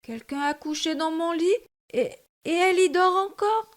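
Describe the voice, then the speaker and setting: A tiny baby bear from a children's storybook, put on by a woman. He whimpers his lines in a small, high, whining voice. The delivery stays slow and simple for young listeners. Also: steady tone. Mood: surprised. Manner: whiny, small voice.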